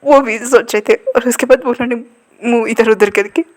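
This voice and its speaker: A woman retells a story in a chatty, conversational manner, often turning to address her listeners directly. Her voice sits a little high. She keeps her retelling informal and unpolished. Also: fairly even intonation, normal speed. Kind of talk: casual fan-fiction retelling.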